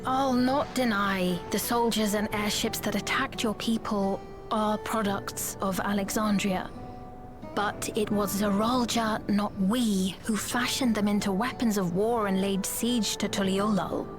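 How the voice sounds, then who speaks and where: An actress as slow-speaking, gracious young queen Sphene. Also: mid-range voice, fairly even intonation, over music, close to an everyday voice. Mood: formal, composed. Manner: formal, courtly diction. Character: gracious, earnest young queen of a high-tech fantasy realm. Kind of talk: scripted fantasy video game acting.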